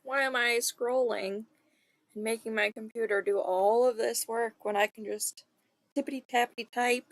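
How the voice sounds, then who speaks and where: A woman streaming a co-working session, thinking aloud in casual self-deprecating chat with soft muttered asides. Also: a little high, fairly even intonation, moderate pace, dry recording.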